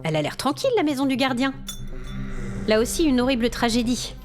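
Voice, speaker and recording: Faint music sits behind a high, lively-intoned woman speaking fairly quickly. She plays a haughty hotel guest in an audio fiction monologue, exasperated and indignant over ghosts. Her delivery is aggrieved and demanding, and she seems wary and exasperated.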